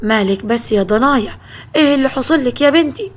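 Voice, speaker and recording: A woman's voice: sits high, lively intonation, quick pace. A woman voicing an older, strict Egyptian village mother who lectures her daughter firmly. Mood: stern.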